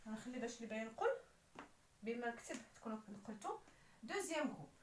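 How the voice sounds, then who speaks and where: A woman's voice: a little high, sing-song, very fast, slight background noise. A woman with a Moroccan accent explaining French grammar as a teacher, spelling out letters and verb endings. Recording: roomy echo, voice somewhat far from the mic.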